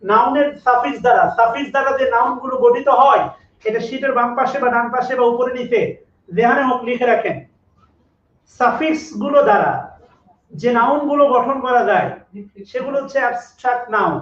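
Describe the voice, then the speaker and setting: A man with a very high voice teaches grammar in a live online class, going over each rule again and again and asking the students to check in. He sounds set back from the mic in an echoey room, and the audio is dull and lo-fi. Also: brisk, fairly bright tone, far from the mic. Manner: repetitive, drills rules and asks students to comment.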